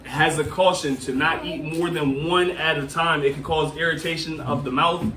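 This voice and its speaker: A man's voice: fairly high pitch, steady tone, moderate pace. A man casually hosting a challenge, addressing the group, counting down and explaining the rules. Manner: addresses a group with y'all and guys. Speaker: host of a candy challenge. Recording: echoey room, distant mic, background noise.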